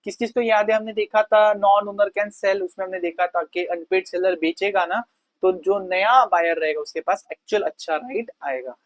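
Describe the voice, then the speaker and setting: A male teacher giving a conversational law lecture. He reads definitions slowly, explains them quickly and casually, and keeps asking the class questions. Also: high voice, no room sound, low-quality recording. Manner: asks the class rhetorical questions.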